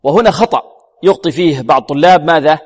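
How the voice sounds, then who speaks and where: A man teaching Quran recitation rules, quizzing his listeners with repeated questions and slowly demonstrating each sound. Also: a little high, slightly rough. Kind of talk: tajweed lesson. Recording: long reverberant hall.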